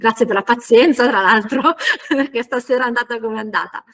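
A woman's voice: fairly high pitch, a little fast, fairly bright tone. A woman teaching an online lecture, chatty, with frequent laughs and fillers. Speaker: teacher trainer.

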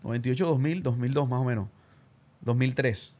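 Hosting an interview, this radio announcer and show host shares his own story in a loose, slangy way. He talks a little fast in a mid-range voice, staying animated and mimicking the people he quotes.

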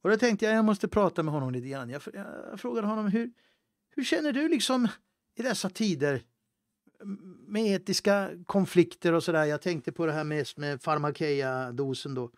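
A male pastor preaching a livestream sermon, swinging between loud fervent appeals and hushed, halting asides. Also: on the high side, lively intonation, no echo, studio quality. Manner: halting, with restarts and fillers.

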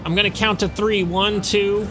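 A man's voice: high-pitched, level tone, normal speed, over music, natural voice, rough recording. A man voicing a greedy, menacing, hard-drinking father in a video game, sneering and threatening.

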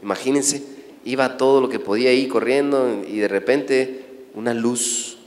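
A middle-aged priest preaching a sermon, telling stories and questioning the audience. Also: male voice, mid-range voice, normal speed, a little mellow. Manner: storytelling, asks the audience questions. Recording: echoey hall from a distance.

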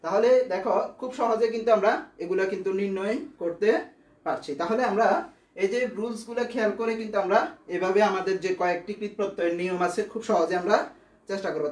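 A man's voice: high-pitched, reverberant. A man teaching grammar, explaining step by step and answering his own questions. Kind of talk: classroom lesson.

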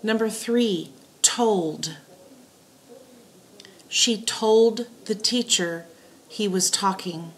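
Slow-paced woman dictating a spelling test. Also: mid-range voice. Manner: deliberate, with isolated words and repeats. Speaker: teacher giving a spelling test.

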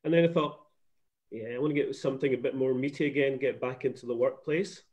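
A man's voice: mid-range voice, fast, darkish tone. A middle-aged man from Scotland, chatting as a guest over a video call from his home office, rambling with restarts. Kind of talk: casual video call interview. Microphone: laptop webcam video call. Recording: muffled video call audio.

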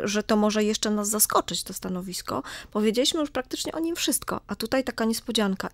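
A woman's voice: medium pitch, no room sound. A middle-aged woman, an archaeologist, explaining at length with many fillers in a radio studio interview. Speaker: archaeologist guest. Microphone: studio mic close up.

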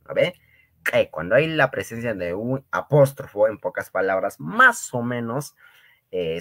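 A man's voice: fairly low pitch, a bit bright. A man teaching a Quechua lesson, patiently repeating each word and checking in with his students. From Peru. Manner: patient, repeats words slowly, often asks "¿ya?" and "¿no ve?". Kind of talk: online language lesson.

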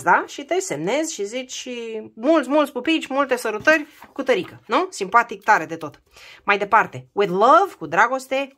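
A woman teaching English phrases in a casual video lesson, explaining warmly and checking in often with her viewers. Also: medium pitch. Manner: lively, explains with frequent "da?" check-ins.

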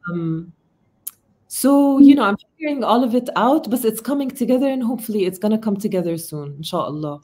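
A woman in her thirties with an Arabic accent, a Palestinian artist based in Amman, is an interview guest on a video call from a room at home, speaking through her laptop mic. Her dark, medium-pitched voice is fairly quick with lively intonation, and in this casual chat she reflects aloud, often groping for words.

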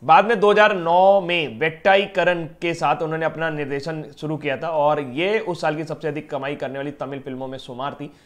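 A man's voice: a little high, fairly even intonation, a little fast, hardly any pauses. A man teaching current affairs for government exams in a casual, chatty way, joking with and addressing his students directly. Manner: chatty, teasing, addresses students as yaar and beta. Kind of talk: casual Hindi lecture to students.

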